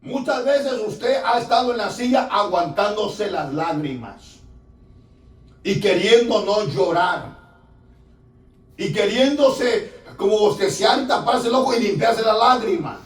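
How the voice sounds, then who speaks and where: A man's voice: sits high, lively intonation, measured pace. A man, a pastor preaching a sermon in church, emphatic, drawing out his words and putting questions to the congregation. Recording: echoey church hall, voice from a distance.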